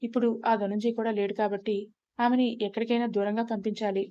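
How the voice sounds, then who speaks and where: A woman's voice: fairly high pitch, flat delivery, fast, warm tone, no room sound, natural voice. A woman voicing a blunt, guarded young male rowdy in a storybook reading, on a slightly dull recording. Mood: firm.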